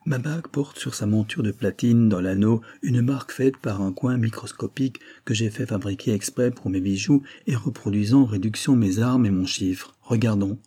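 Un homme qui fait la voix d'une comtesse aristocrate, anxieuse et émue, dans un livre audio lu. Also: male voice, on the low side, moderate pace, few pauses, mellow, husky. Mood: assurée. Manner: pleading, emotional. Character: anxious aristocratic countess, emotional.

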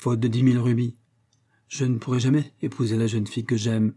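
A man's voice: medium pitch, level tone, a little fast, warm tone, natural voice. A man voicing a lovesick young man in a storybook reading, with an emotional, pleading delivery. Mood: despairing.

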